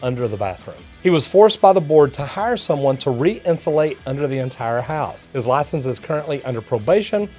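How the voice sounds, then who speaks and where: His medium-pitched voice is sing-song and darkish, fairly quick with barely a pause, over soft background music. He's a middle-aged or older master plumber from Texas with a Texan accent, hosting a video where he reads comments and responds folksily, calling viewers y'all and guys.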